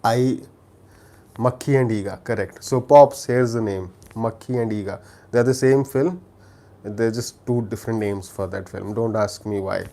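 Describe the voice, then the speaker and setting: A man's voice: on the low side, unhurried, dark tone. A man from India with a Telugu Indian accent, chatting casually as a livestream host, often repeating words and restarting sentences. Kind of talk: casual chat, recommending films.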